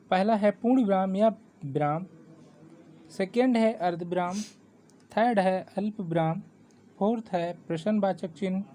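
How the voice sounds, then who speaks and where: Male exam-prep tutor, warm low-key tone, steady explanatory delivery, lists points by number. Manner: reads definitions steadily, counting items off with English ordinals. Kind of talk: explanatory grammar lesson.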